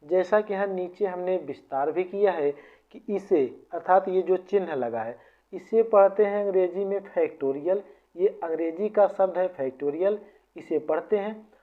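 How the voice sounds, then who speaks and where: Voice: medium pitch, normal speed. A maths teacher patiently explaining formulas step by step, often repeating points. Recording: tinny phone-like sound.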